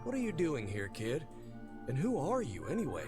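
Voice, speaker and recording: A young male hero from a video game, calm and reassuring in tone. His pitch moves lively up and down. Game music sits clearly under the voice. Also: normal speed. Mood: gentle. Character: young male hero exploring a wrecked ship.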